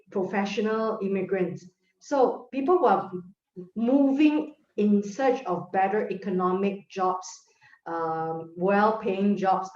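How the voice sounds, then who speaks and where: A woman's voice: medium pitch, darkish tone. Earnest woman host, roomy distant sound. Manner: earnest, rambling, encouraging. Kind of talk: interview host on video call. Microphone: video call. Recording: roomy, distant, dull video-call audio.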